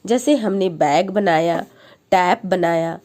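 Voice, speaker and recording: Slow, mellow-voiced woman teaching phonics. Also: fairly low pitch. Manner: slow, patient, sounds out letters. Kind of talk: Hindi phonics lesson for parents.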